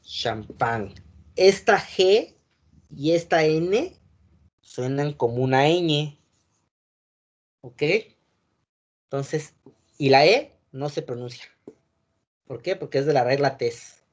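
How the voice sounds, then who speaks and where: A man's voice: on the high side, slow pace, pauses often, lo-fi sound. A man with a Mexican Spanish accent lecturing a class as a teacher, explaining step by step and often checking whether the students are following. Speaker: wine course teacher.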